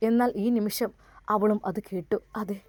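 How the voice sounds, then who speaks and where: A woman's voice: mid-range voice, fairly even intonation, normal speed, a little mellow, dry recording. A woman with a Malabar Malayalam accent narrating an emotional story in a dramatic, heartfelt way.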